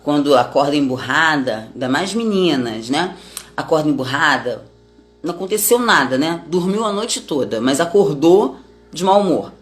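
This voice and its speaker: Low-voiced woman teaching the Bible. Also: lively intonation, moderate pace, soft background music. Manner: conversational, many tag questions, explains with family examples.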